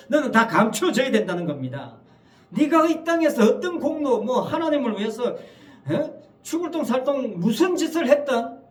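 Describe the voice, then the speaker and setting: A male pastor preaching a Sunday sermon in a church, emphatic and full of rhetorical questions to the congregation. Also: high voice. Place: church sanctuary. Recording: echoey church hall, mic at a distance.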